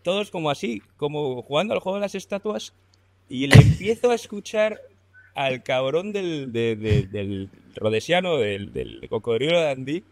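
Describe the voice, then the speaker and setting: A man's voice: fairly high pitch, very animated, normal speed, no room sound. A young man with an accent from Spain tells a story as a podcast guest, talking casually and colloquially, laughing often and swearing freely. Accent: Spain Spanish.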